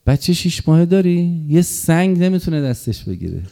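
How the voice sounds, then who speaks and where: A middle-aged man giving an impassioned mourning sermon, dropping to murmurs and rising to loud cries. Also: on the high side, big pitch swings, creaky. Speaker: religious eulogist.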